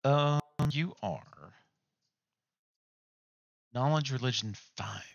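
A man's voice: mid-range voice, animated, very slow, no room sound, lo-fi sound. A man running a tabletop game as game master, narrating and explaining rules casually.

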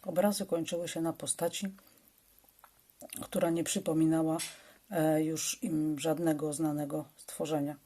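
A woman reading an adult story aloud in a plain, measured way with small hesitations. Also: low voice, level tone, dark tone.

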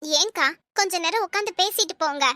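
Woman doing young cartoon gal, very high bright voice, earnest and worried. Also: fairly quick, no echo, studio quality. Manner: earnest explaining.

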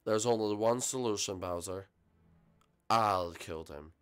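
A man's voice: fairly low pitch, a little slow, clean tone, natural voice. A man voicing a goofy, mischievous dinosaur who rambles playfully in a homemade puppet comedy. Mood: menacing.

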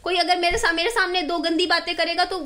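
Very high-pitched woman in a heated rant. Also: fairly even intonation, quick pace, sharp tone. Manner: heated, defensive and repetitive, near tears at times. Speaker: vlogger. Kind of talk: emotional vlog rant.

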